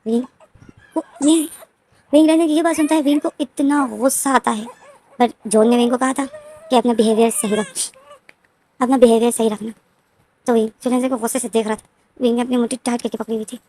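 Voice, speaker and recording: A woman narrates a fan story in a casual, conversational way. She often restarts and repeats phrases, and her voice sits a little high. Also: steady tone, fairly quick, long pauses, mellow, a little hiss or hum. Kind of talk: casual fanfiction retelling.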